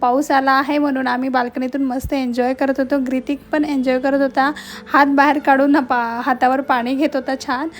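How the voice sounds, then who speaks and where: High-voiced mother, teasing. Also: flat delivery, brisk. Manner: teasing and scolding a small child. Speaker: mother filming her children. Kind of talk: casual family video with narration.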